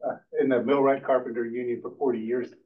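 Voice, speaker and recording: This is an older man at a public meeting, working through a list of his roles with many halting pauses. His voice is very flat and level. The sound is distant and narrow, almost like a phone line. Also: medium pitch. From Finland, raised in California. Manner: halting, many uhs, listing. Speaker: committee member, neighborhood council chair. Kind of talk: self-introduction at a public meeting.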